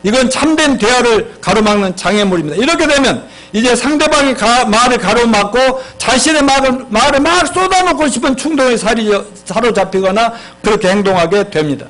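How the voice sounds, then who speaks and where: Very high-voiced man preaching a sermon. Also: fairly quick, few pauses, a bit bright. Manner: asks the congregation questions and leads them in reading aloud; acts out quoted spouses with sudden higher, sharper lines. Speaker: pastor.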